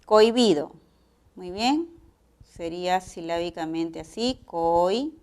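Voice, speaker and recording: A woman with a Peruvian accent teaching a pre-university class, explaining each step in a measured way. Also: medium pitch, animated, a little mellow. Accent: Peruvian Spanish. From Peru. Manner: measured, explanatory, spells out syllable patterns.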